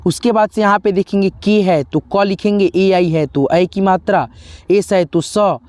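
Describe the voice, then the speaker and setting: A man's voice: high-pitched, steady tone, unhurried, a little mellow, no room sound. A man teaching a beginners' spelling lesson, patiently spelling out each word letter by letter and repeating them. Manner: patient, repeats letters, addresses viewers as friends.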